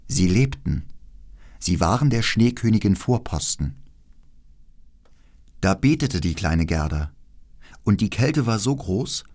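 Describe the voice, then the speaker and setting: Reading a fairy tale aloud as an audiobook narrator, this man uses a lowish voice. His storytelling is expressive yet measured.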